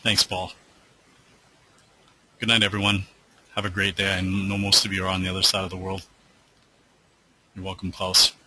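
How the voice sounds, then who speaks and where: Low-voiced man with a bright, forceful tone. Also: monotone, moderate pace, pauses often, husky, rough recording. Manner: loose, rambling, many fillers and restarts. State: losing his voice. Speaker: trading webinar host. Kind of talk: casual live webinar Q&A.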